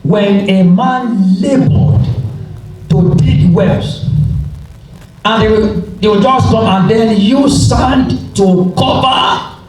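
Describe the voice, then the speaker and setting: Male preacher, high voice, slow emphatic delivery with repeated phrases, heard in a very echoey space. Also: darkish tone. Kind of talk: revival sermon with scripture readings. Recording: roomy, echoing, distant mic, faint noise.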